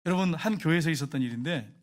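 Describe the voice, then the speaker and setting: A middle-aged man preaching a sermon as pastor, telling a story and acting out quoted lines with sudden loud rises and hushed drops. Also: fairly high pitch, lively intonation, very fast.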